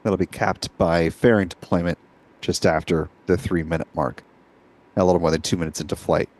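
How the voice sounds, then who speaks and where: Deep-voiced man hosting live launch commentary. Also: steady tone, moderate pace, darkish tone. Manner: informative, orderly phrasing.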